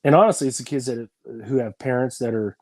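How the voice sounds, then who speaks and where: A man's voice: medium pitch, fast talker, dry recording. A man in his forties, a football coach, talking in a rambling, frank, folksy way in a casual reunion chat.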